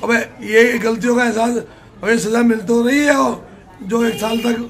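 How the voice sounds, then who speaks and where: A man's voice: extremely high pitch, fairly even intonation, moderate pace. An older man, a political candidate giving plain-spoken, emphatic interview answers and often repeating himself.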